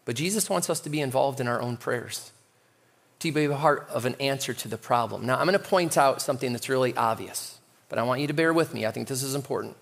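A man's voice: medium pitch, fast talker, gravelly. A male pastor preaching a sermon in a conversational way, with light humor.

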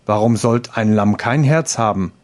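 Man reading as a calm, solemn old saint. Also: fairly low pitch, normal speed, natural voice. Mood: puzzled. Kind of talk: audiobook reading of a fairy tale.

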